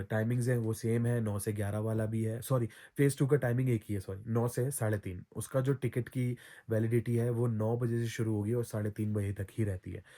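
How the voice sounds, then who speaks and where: A man talks through travel tips in a relaxed, chatty way, going back over points and fixing his own slips as he goes. His voice is dark and mellow and stays in a narrow, fairly even pitch band. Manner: chatty, repeats himself, self-corrects. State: throat recovering from soreness. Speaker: travel vlogger. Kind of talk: casual travel advice to camera.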